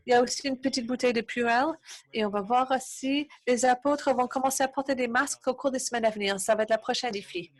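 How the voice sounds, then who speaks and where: Higher-voiced woman interpreting a lecture. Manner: steady delivery with hesitations and self-corrections.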